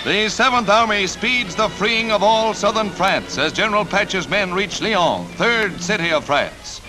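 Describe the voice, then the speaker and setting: A man's voice: high voice, animated, a little slow, low-quality recording. A man narrating a 1940s newsreel with a punchy announcer delivery and wry quips. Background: music score.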